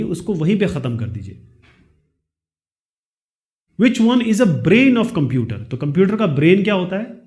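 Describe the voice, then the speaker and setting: A man, teaching a lesson. He reads each question slowly, then explains the answer in quick chat. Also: high-pitched.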